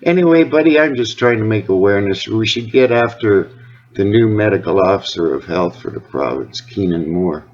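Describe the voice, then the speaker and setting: A man with a Canadian accent, calling as a health awareness advocate, rambles earnestly and insistently across points in a phone conversation. He speaks at normal speed with lively intonation and a lowish voice, and the call recording is dull and lo-fi.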